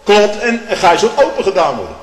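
Male preacher, fairly high voice, dramatic sermon, roomy echoing hall. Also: sing-song, brisk. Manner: swings from loud declaiming to low intimate asides, rhetorical questions; frequent questioning "hm?" to the congregation. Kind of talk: fiery sermon. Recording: echoey church hall, long reverb.

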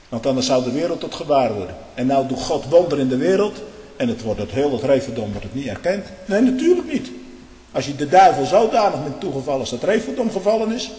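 A man preaching in an impassioned, emphatic way, jumping from loud outbursts to low, muttered asides. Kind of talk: impassioned sermon-style monologue. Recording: echoey hall with long reverb.

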